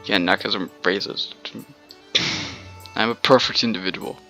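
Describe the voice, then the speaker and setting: A man's voice: lowish voice, steady tone, a little slow, sharp tone, faint music behind, low-quality recording. A man from the American South giving rambling, joking commentary while playing a video game. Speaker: let's player. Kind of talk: casual gameplay commentary.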